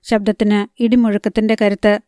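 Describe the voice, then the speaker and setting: A woman reading a crime thriller audiobook in a measured storytelling manner. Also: mid-range voice, little pitch movement, mellow, smooth, no room sound, studio quality. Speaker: audiobook narrator. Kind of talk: scripted narration of a crime thriller.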